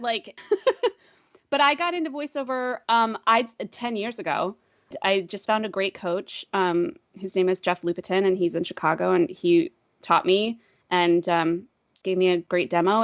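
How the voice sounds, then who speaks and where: A woman with a sibilant voice, chatting quickly and giggly as a podcast co-host who does voiceover work. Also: medium pitch, no echo, muffled recording. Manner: quick, giggly, says "like" a lot. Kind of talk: casual chat.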